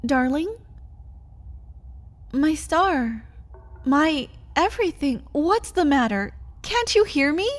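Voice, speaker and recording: A woman's voice: high voice, lively intonation, takes it slowly, long pauses, soft background music. A woman voicing a clingy, pleading young vampire-bitten lover in a whispered role-play, full of doting endearments.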